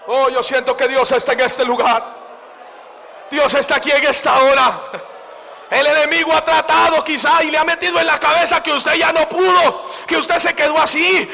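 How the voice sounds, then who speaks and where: At a church service, a man delivers a fervent sermon, urging the congregation on with repeated shouted phrases. His voice is very high and carries vocal fry.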